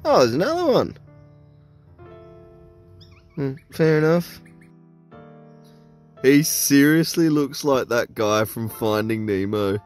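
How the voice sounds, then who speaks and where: A man's voice: medium pitch, sing-song, slow, long pauses, darkish tone. Young aussie guy doing a casual travel vlog, slangy n keen, voice goes up and down loads, music behind. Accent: Australian. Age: young adult. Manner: laid-back, slangy, enthusiastic. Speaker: vlogger. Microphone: handheld phone.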